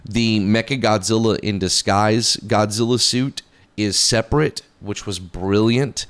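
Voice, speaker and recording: A man's voice: lowish voice, fairly even intonation, measured pace. A man giving a casual, rambling movie review, full of fillers and restarts, enthusiastic and a little profane.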